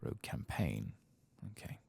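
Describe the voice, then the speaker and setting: A man offers soft-spoken ASMR commentary on a video game, taking his time and often drifting into a breathy whisper. The recording is dry.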